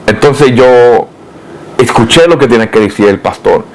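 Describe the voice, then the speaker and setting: A middle-aged man, a pastor, earnestly telling his testimony in a podcast interview, calling the listener brother and rising in pitch when he relives his prayers. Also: measured pace, poor audio. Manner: rises and gets louder when reliving prayers.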